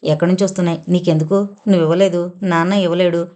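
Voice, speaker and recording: A woman voicing a defiant young man who answers his mother with sarcasm and shouts. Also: fairly low pitch, steady tone, very fast, natural voice. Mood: sarcastic.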